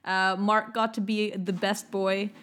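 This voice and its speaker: A woman's voice: mid-range voice, level tone, a little slow, fairly bright tone, soft background music. A woman co-hosting a casual group podcast, giving blunt, emphatic opinions. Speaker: podcast co-host.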